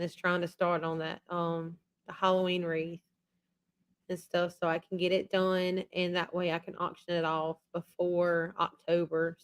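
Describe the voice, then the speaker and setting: A woman with a voice on the low side hosts her live stream and chats casually. She rambles and repeats herself while losing her voice after being sick.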